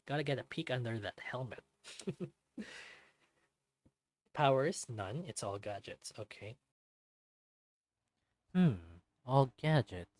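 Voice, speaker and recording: A man's voice: medium pitch, a little mellow, dry recording, poor audio. Easygoing man reading a game aloud. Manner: chatty and easygoing, reading profile cards aloud with asides. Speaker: let's-play host. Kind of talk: casual visual novel read-through with commentary.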